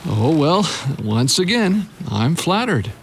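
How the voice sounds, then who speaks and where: A man's voice: fairly high pitch, sing-song, takes it slowly, slight background noise, heavily acted. An actor playing a vain but kindhearted ancient king, regal and hesitant, in a theatrical Bible drama. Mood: flattered, pleased.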